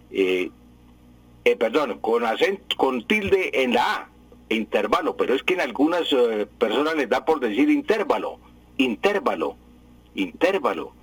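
Man, husky voice, dry studio sound, patient, self-correcting radio explainer. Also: mid-range voice, fairly bright tone, no room sound, rough recording. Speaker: language expert on a radio news show. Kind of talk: radio language advice segment.

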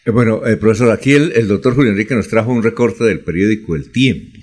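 A man, hosting a radio show and putting listener questions to a guest in a relaxed, conversational way. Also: on the low side, quick pace. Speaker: radio host.

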